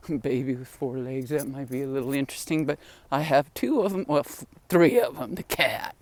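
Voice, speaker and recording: With a rumbling low voice, a little mellow and at a moderate pace, an older woman vlogger tells rambling personal stories about her family and pets. She's chatty, laughing and sighing in asides, as she walks home outdoors in the wind carrying groceries.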